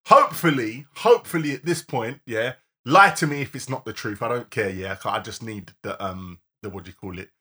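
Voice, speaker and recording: A man's voice: medium pitch, lively intonation, fairly quick, pushed and bright, breathy edge. A man with a London accent chatting casually as a podcast co-host, slangy and rambling, often searching for words. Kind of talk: casual chat.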